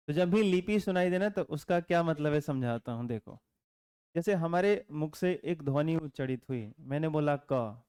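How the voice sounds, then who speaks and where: A man teaches a class at a steady, patient pace. His voice is smooth and sits a little high, and the dry sound carries little room echo. He keeps asking his students whether they have understood. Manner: asks the class frequent check questions; calm explaining tone with teasing asides. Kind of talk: classroom lecture. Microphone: camera mic in classroom.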